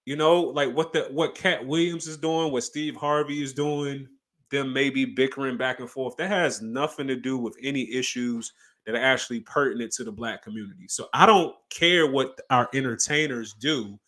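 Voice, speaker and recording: Male podcast co-host, mid pitch, emphatic casual chatter. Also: normal speed, a bit bright. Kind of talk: casual chat.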